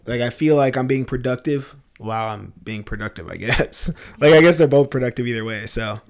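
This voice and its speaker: A brisk, medium-pitched man co-hosts a casual podcast and works as a fitness trainer. He talks loosely, swearing and leaning heavily on fillers, into a studio mic at the table.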